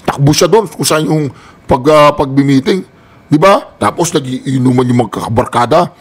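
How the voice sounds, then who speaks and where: A man's voice: medium pitch, normal speed. A man hosting a political reaction video, mocking and repeating himself, calling out to his viewers. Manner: mocking, repetitive, animated, addresses viewers directly. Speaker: political reaction channel host. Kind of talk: casual political commentary.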